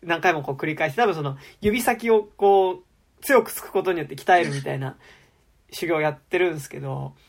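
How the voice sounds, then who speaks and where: A woman's voice: low-pitched, normal speed. A woman co-hosting a casual podcast chat about a TV drama, acting out quoted lines as she talks. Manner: animated, acts out quoted lines. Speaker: podcast co-host.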